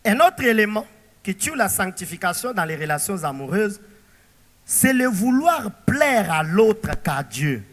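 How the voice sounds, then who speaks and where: High-voiced, lively preaching pastor. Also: male voice, a little slow, big-room sound. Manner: animated, asks the congregation rhetorical questions. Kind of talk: sermon.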